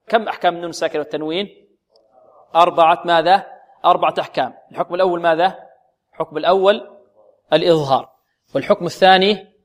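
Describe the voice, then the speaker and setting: A male recitation teacher who poses questions, answers them himself, repeats each rule and demonstrates sounds slowly. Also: sits high. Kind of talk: recitation lesson.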